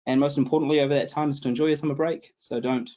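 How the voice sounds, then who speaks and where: Calmly walking through setup steps on a video call, a thirtyish New Zealand man serves as a guest support consultant in a webinar. His pitch is fairly high and he speaks rapid-fire, yet his manner is steady and explanatory, with answers starting "absolutely." He sits in an indoor home room with a bookshelf, and the laptop mic yields dull, lo-fi audio.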